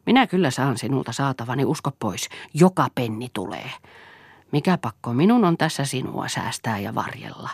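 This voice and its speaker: Naisen esittämä kiivas, suorapuheinen nuori nainen. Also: female voice, very deep voice, sing-song, gravelly, slightly rough, no room sound, clean studio sound, full character voice. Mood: scolding. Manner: sharp, scolding and haggling. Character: fiery, blunt young woman, a former housemaid. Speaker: audiobook reader. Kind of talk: novel reading.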